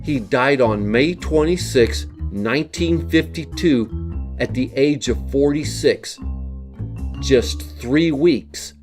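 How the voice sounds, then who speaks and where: A man reading scripted narration as a sombre, measured film narrator. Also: medium pitch, darkish tone, natural voice. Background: faint guitar music.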